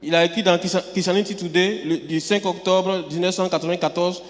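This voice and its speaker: A man from Côte d'Ivoire preaches an emphatic sermon in a church sanctuary, often repeating words as he restarts. His voice sits high, with a steady tone and a brisk pace, and the recording carries long hall reverb.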